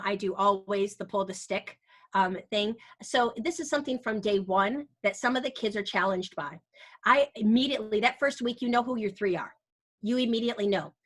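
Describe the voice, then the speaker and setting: A woman teacher presenting an energetic online workshop, bubbly and encouraging, talking to her audience over a video call. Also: mid-range voice, a little fast. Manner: bubbly, encouraging, breaks into bits of song. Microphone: computer mic on a video call.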